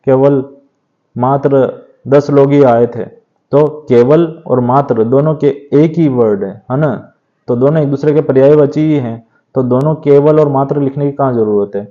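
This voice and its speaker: A man's voice: medium pitch, moderate pace. A man teaching an exam revision lecture on grammar, explaining steadily and often checking in with a tag question. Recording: dull lo-fi sound.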